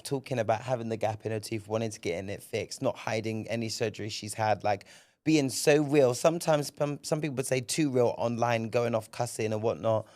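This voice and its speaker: A man hosting a podcast in casual commentary, candid and animated, swearing freely and repeating words when he gets excited. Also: mid-range voice, dry recording. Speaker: podcast host.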